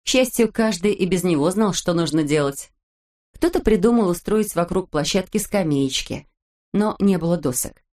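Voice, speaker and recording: A woman narrating a children's storybook chapter in a measured, expressive way. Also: fairly low pitch. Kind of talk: storybook reading.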